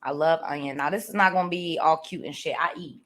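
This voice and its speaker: Woman, mukbang host, lowish voice, relaxed casual chat, talking while eating. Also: fast. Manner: relaxed, chatty, talks between bites.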